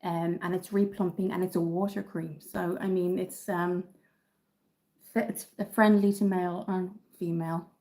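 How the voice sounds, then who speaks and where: A Dublin woman with a lowish, mellow voice chats casually on a beauty livestream, answering viewer comments at a moderate pace. Her delivery is flat yet upbeat, with plenty of ums. She's recorded on a phone camera.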